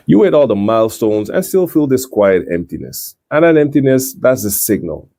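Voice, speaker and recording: Middle-aged male host for a reflective monologue: measured and earnest, mellow timbre, dry recording. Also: medium pitch, sing-song, no room sound. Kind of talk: reflective scripted monologue to viewers.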